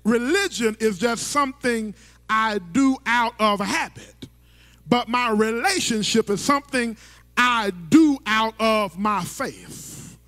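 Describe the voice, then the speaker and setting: Taking it slowly, a middle-aged male pastor preaches into a handheld mic from the church stage, his very high voice a bit bright. Long reverb fills the hall as his sermon moves in sing-song rhythms interrupted by stammered restarts.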